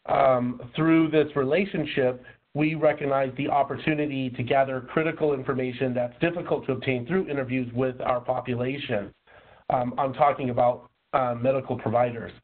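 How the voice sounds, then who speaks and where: A man's voice: mid-range voice, fairly even intonation, moderate pace. A man presenting in a polite, formal way, his voice rusty and under the weather with a cold. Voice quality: rusty, slightly rough voice. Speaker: presenter, program local lead. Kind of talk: prepared webinar presentation. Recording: muffled, narrow phone-like line.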